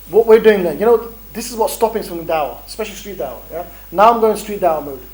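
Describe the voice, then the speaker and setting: A middle-aged man leading a training workshop, animated and bantering, acting out street encounters as he talks. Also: high-pitched, low-quality recording. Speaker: dawah trainer. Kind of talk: energetic workshop talk.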